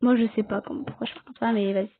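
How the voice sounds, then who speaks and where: Brief: chatty woman streaming a game, explaining rules and bickering with teammates, recorded on a tinny low-grade mic. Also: steady tone, rapid-fire. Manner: chatty, explains rules to viewers, talks back to other players. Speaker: gaming video creator. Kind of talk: casual Let's Play commentary. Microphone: cheap headset or desk mic.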